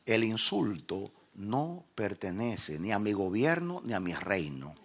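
A man's voice: on the low side, sing-song, exaggerated voice. A preacher voicing God, grave and fatherly. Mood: solemn. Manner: slow, grave and measured. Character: God, solemn fatherly male divine voice.

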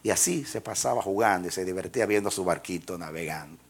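A man's voice: sits low, fast, creaky, breathy edge. A man preaching a sermon and telling a story to his congregation. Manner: storytelling, rising to shouted praise.

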